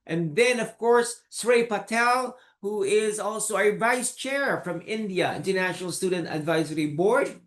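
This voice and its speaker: High-voiced man moderating a panel. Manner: slow, repetitive, encouraging. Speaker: host.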